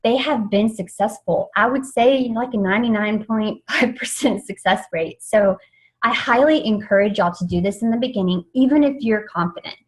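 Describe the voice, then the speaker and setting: A woman's voice: mid-range voice, normal speed, low-quality recording. Chatty woman giving a team training. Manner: eager, chatty, many fillers and restarts. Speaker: network marketing team trainer. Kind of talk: informal training talk.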